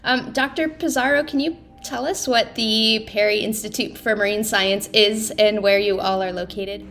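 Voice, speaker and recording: A woman podcast host reading a scripted introduction and asking interview questions in a clear, measured way. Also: mid-range voice, steady tone, a bit bright, a little hiss or hum.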